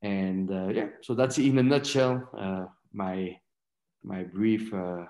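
A man with a low voice, from Belgium and in his forties, tells his story as a podcast guest. He stops and restarts often and leans on fillers. The voice carries a roomy echo. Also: fairly even intonation, dark tone. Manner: halting, many fillers and restarts. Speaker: guest, investor and entrepreneur. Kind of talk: podcast interview. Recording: echoey room.

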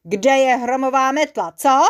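Woman putting on a croaky mumbling naughty creature. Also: sits high, lightly acted. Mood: gloating. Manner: gloating, stubborn.

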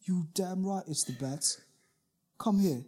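A man's voice: mid-range voice, fairly even intonation, a little slow, a little mellow, husky, pitched above the performer's own voice. A man putting on a mock-British Batman. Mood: shrill threatening. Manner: clumsy mock British slang. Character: gruff adult male caped vigilante threatening criminals.

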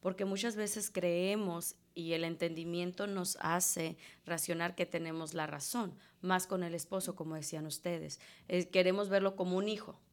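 A woman panelist on a faith talk show, speaking thoughtfully and pausing to search for words. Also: on the low side, fairly even intonation.

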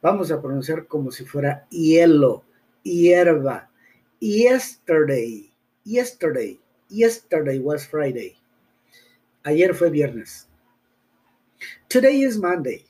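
A man whose first language is Spanish teaches English in a slow, careful bilingual lesson. His voice sits somewhat high for a man, and he talks at a deliberate pace. He repeats each phrase patiently and spells words out letter by letter. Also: lively intonation, dark tone.

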